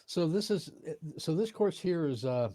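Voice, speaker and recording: A man's voice: on the high side, animated, unhurried, mellow, no echo. A man in his early fifties chatting casually as a live-stream co-host, jokey and playfully sarcastic. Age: early 50s. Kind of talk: casual joking chat.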